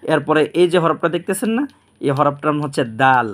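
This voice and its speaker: Man slowly drawing out Arabic letters. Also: a little high, a bit bright. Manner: slow, drawn-out letter demonstrations repeated three times; plain instructive explaining with frequent pious phrases. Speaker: Quran teacher. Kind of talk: Arabic alphabet lesson.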